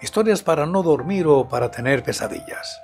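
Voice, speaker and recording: A man in his sixties introduces horror tales in a hushed, intimate voice, close on the microphone, as if right in your ear. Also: fairly high pitch, animated, moderate pace. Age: 60s. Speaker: host and narrator of horror audiobooks. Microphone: large microphone close to the mouth, headphones. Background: faint music.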